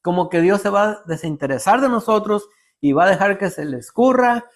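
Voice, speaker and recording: A man teaching a Bible study, reading verses aloud slowly, explaining them and often checking in with a quick "ok?". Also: high voice, lively intonation. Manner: checks in with a frequent "ok?".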